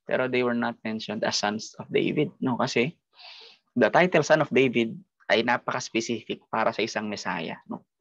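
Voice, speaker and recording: A man with a Filipino accent teaches an online Bible study, his voice grainy with a gravelly rasp. He explains patiently, checking in with short tag questions. The audio is dry and a little muffled, like an online call. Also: mid-range voice, moderate pace, fairly bright tone, dry recording. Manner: explains with frequent tag questions and mixes English into Tagalog.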